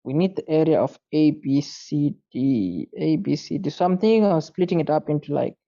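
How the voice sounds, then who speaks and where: A tired man talks through a maths exam paper late at night, thinking aloud and muttering to himself. His voice is very dark and mellow with a gravelly fry. The recording sounds dull and lo-fi. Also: a little high, expressive, moderate pace. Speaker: maths tutor.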